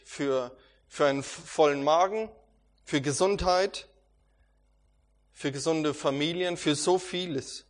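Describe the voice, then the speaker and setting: A man preaching a Bible lesson in an earnest, emphatic way, driving points home through repetition. His voice sits a little high for a man, and he now and then stumbles and restarts a word. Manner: earnest, emphatic with repeated phrases. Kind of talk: Bible teaching sermon.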